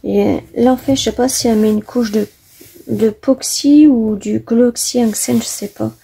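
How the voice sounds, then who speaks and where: Chatty woman showing off a craft mag, raspy gravelly voice, mellow tone. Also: on the high side, fairly even intonation, a little slow. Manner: chatty, enthusiastic, many fillers. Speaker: craft vlogger. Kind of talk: casual magazine flip-through.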